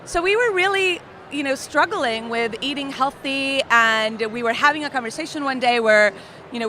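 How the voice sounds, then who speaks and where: A woman from Costa Rica in her thirties speaks as an interview guest, her voice bright and fairly high. She explains things in a friendly, clear way, with faint traffic noise around her. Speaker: company co-founder, guest. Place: outdoor festival booth.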